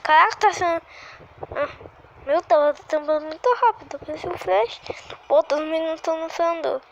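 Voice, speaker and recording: A woman giving excitable, exclamatory live commentary while playing a game at home. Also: very high voice, fairly quick, creaky, muffled recording, slight background noise. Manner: excitable and exclamatory, constant little sighs and cries. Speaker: gaming video creator.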